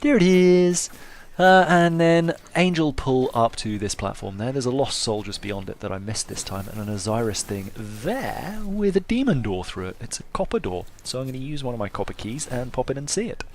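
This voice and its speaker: At a normal speed and medium pitch, a man narrates a playthrough casually, his voice moving through big pitch swings. He's wryly funny and self-deprecating, with faint background noise in the clip.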